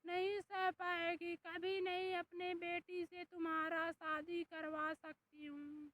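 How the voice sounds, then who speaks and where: A woman's voice: very high-pitched, level tone, slow pace, fairly bright tone, no room sound, full character voice. A woman voicing a fussy vegetable mother who coaxes her daughter and scolds a buffalo. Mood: scolding. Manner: coaxing, scolding.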